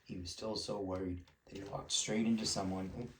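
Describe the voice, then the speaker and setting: A man reading a storybook aloud to his child in a relaxed way, now and then stopping to chat with them. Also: low-pitched, a little fast, roomy sound, far from the mic, noisy background. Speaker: parent reading a bedtime story.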